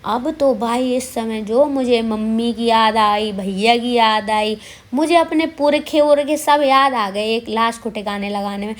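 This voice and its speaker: A woman's voice: fairly high pitch, measured pace. A woman vlogger narrating her day in a chatty, self-mocking voice-over, speaking straight to her viewers. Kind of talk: casual vlog voice-over.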